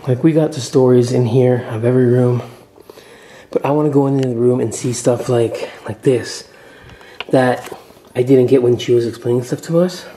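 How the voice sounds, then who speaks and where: A man giving a casual, excited walk-through vlog of an old mansion, chatty and often dropping to a murmur. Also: mid-range voice, moderate pace. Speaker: vlogger touring a historic mansion. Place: indoors, large old house.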